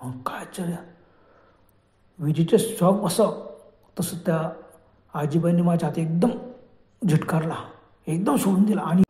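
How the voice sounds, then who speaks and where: A man narrates a first-person horror story in dramatic, breathless bursts. His voice sits fairly high but sounds dark and mellow. The recording rings with the echo of a bare room. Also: normal speed, pauses often.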